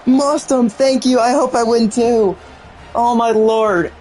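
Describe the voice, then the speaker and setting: A young man giving excited commentary on a football video game he is playing, exclaiming and mildly swearing. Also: extremely high pitch, slow pace. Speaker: gaming YouTuber.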